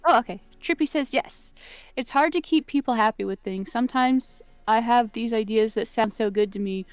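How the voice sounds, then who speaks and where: Chatty, laughing higher-voiced woman. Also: moderate pace, no echo. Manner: chatty and self-deprecating, laughs often. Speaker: game developer guest. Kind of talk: casual live-stream chat.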